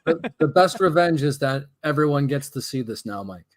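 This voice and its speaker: A man's voice: on the high side, expressive, normal speed. Stammering casual male podcast host. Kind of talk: casual comedy podcast banter.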